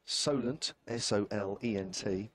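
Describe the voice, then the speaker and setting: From an outdoor commentary position at a cricket ground, a southern English man calls the cricket live in a fairly low voice at a slightly slow pace. He comes across as chatty, wry and given to poking fun at himself.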